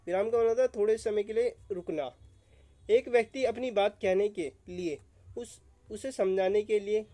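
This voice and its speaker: A man's voice: high-pitched, warm tone, no room sound. A man teaching an online exam-prep lesson, calling his viewers friends and explaining with examples.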